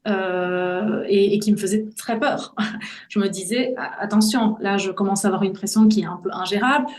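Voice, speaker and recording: A Belgian podcast guest in her forties speaks at normal speed in a medium-pitched voice, earnest and reflective as she shares personal testimony. She hunts for words at times, and the recording carries a roomy echo from a reverberant room.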